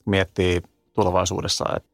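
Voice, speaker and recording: A male podcast host speaks in a low, flat tone with a gravelly edge. He builds thoughtfully on his guest's remarks. The recording is dry and close-miked. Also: dry recording. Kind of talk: podcast interview, commenting.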